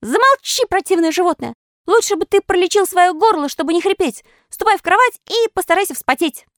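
A woman voicing a cheeky, stubborn wooden puppet boy in a high, squeaky childlike voice for a storybook reading. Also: animated, brisk, a bit bright, no room sound, clean studio sound. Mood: rude. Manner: high squeaky childlike voice, wailing when upset.

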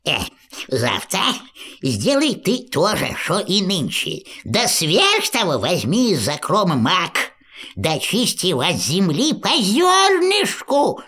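A woman's voice: on the low side, huge pitch swings, slow pace, fairly bright tone, breathy edge, full character voice. A woman voicing the old witch Baba Yaga, grumbling and cackling in a storybook reading.

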